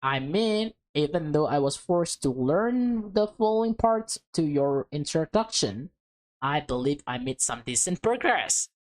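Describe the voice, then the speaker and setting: A low-pitched, expressive woman reads a visual novel for a let's play, going a little slowly. Background music accompanies her casual remarks, and she talks to viewers informally, calling them "guys" and "man."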